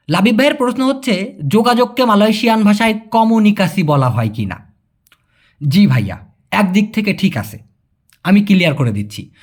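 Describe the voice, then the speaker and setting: A young man from Bangladesh teaching Malay in a casual way, answering viewer questions, chatty and repeating key words slowly. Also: sits high. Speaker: language teacher.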